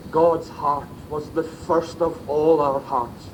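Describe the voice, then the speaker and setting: A minister delivers a grave memorial sermon in a high-pitched voice. He speaks slowly, leaning on measured pauses. The sound comes from an old cassette tape with a faint hiss under it. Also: flat delivery, poor audio. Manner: slow, grave and solemn, with emphatic pauses. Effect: faint tape hiss of an old cassette recording.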